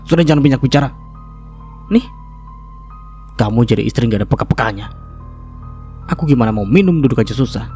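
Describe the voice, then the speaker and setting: A man's voice: medium pitch, lively intonation, brisk, long pauses, a little mellow, faint music behind, lightly acted. A man doing a whiny bedridden husband. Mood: scolding. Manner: complaining, scolding.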